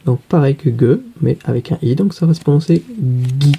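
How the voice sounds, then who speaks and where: A man teaching young children to read, explaining each card slowly and patiently and asking questions as he goes. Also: medium pitch, gravelly, warm tone, slight background noise. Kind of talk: reading lesson for young children.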